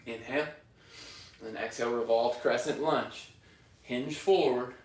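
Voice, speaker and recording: A man's voice: medium pitch, unhurried. Man cueing yoga in a roomy studio. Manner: calm directive cueing, breath-paced. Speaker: yoga teacher. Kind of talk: guided yoga class instruction. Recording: roomy studio echo from far off.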